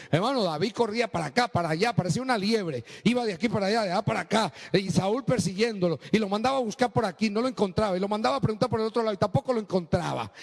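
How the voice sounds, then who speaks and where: A man preaching a sermon as pastor, swinging between low, slow stretches and high, emphatic bursts. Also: big-room sound.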